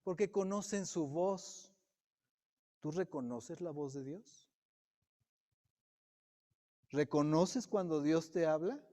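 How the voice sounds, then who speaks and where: A man delivers a sermon to his congregation in a fairly high but mellow voice. He keeps turning to the people with direct questions. The church hall adds a long, ringing reverb behind his words. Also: slow pace, long pauses. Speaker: preacher. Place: church sanctuary.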